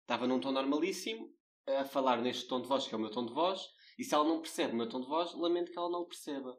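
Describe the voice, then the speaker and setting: A young man with a European Portuguese accent, telling a story in casual chat in a blunt, animated way with frequent restarts. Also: mid-range voice, quick pace. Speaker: co-host telling a customer service story.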